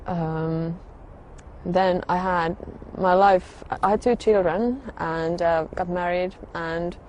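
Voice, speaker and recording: Slow, hesitant woman. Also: fairly low pitch, fairly even intonation, a little mellow, highs cut off, slight background noise. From Finland. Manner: hesitant, halting, with frequent pauses and fillers. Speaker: religious convert sharing her story. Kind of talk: personal testimony.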